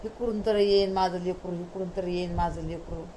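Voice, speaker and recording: A loving mother waiting anxiously for her child, as a storyteller woman puts her on. Her voice is low and mellow, soft with worry and tenderness, with a faint hum behind. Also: steady tone, moderate pace, close to an everyday voice. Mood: worried. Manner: worried and tender.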